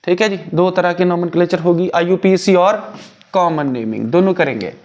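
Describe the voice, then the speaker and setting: A man's voice: sits high, moderate pace, a little mellow, lo-fi sound. A male chemistry teacher, explaining step by step and asking and answering his own questions. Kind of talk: Hindi-English chemistry lecture.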